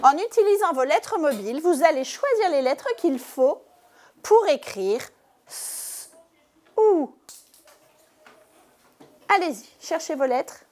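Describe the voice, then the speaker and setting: A woman teacher giving a lesson to young pupils in a classroom, speaking slowly and clearly and stressing each syllable. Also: high voice, very animated, a little mellow. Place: primary school classroom.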